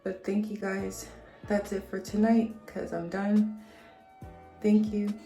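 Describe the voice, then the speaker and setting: A woman at home talks through a makeup review in a chatty, upbeat way, speaking straight to her viewers. She takes her time over each thought, drawling slowly. Faint music plays softly behind her. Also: medium pitch, flat delivery, vocal fry. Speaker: beauty vlogger. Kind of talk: casual makeup review to camera.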